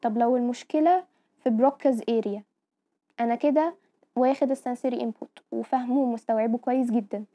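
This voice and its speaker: A woman's voice: high-pitched, mellow. A woman with an Egyptian Arabic accent giving a medical lecture, explaining terms step by step and often checking that listeners follow. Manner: explanatory, mixing English medical terms, frequent "tamam?" checks.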